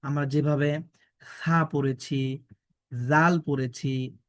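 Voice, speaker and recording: A man teaching Quran letter pronunciation, stating each letter slowly and carefully, then repeating it. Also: fairly high pitch, little pitch movement, no echo, studio quality. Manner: drawn-out, deliberate modeled pronunciations.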